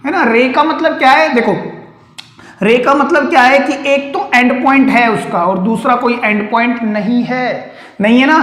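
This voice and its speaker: A man's voice: very high voice, a bit bright, reverberant. A man teaching maths at a board, mixing English terms into his Hindi, checking understanding and asking and answering his students' questions himself. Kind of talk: board lecture. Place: room with a board.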